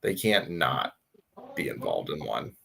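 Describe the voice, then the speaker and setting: A man's voice: extremely low pitch, very animated, a little slow, gravelly, fairly bright tone. A man co-hosting a casual fan podcast, chatty and full of filler words. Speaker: podcast co-host.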